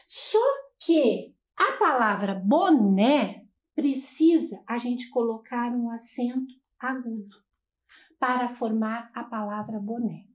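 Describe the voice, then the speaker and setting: Sing-song Brazilian teacher, slow and lively. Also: female voice, high-pitched. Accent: Brazilian Portuguese. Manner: slow, sing-song, encouraging, spells out syllables. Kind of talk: TV classroom lesson for children.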